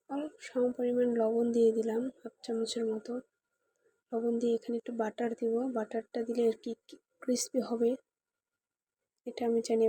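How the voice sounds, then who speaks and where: Female cooking-channel host, fairly high, even-toned voice, dry close sound, casual step-by-step instructions. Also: slightly rough, no room sound. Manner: chatty, addresses viewers directly with step-by-step instructions. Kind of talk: casual recipe tutorial voice-over.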